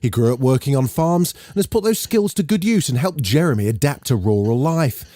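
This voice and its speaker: A man hosting a daily news podcast, reading scripted news items in a lively, chatty way. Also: mid-range voice, a little fast, no echo, studio quality.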